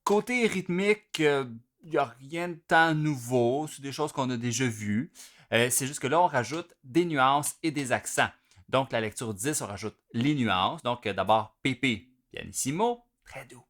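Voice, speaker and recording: In an instructional video lesson, a drum teacher with a Quebec French accent explains the material in a relaxed, informal way, using plenty of fillers and stopping between phrases to play. His voice sits at an ordinary middle pitch, and he talks a little slowly.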